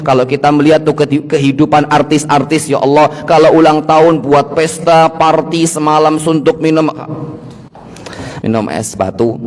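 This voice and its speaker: A man's voice: on the high side, big-room sound. A man in his late twenties with a Javanese accent, preaching a sermon to a live congregation, drawing out his words and joking with the audience. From Indonesia. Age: 20s. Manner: slow, drawn-out emphasis, rising sharply on Arabic quotations; jokes with the audience.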